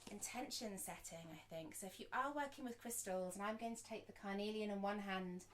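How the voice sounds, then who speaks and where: A woman guiding a group through a meditation, speaking softly and slowly with gentle pauses. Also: medium pitch. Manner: soft, slow and soothing, with gentle pauses. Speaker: sound healer and meditation guide. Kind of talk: guided meditation.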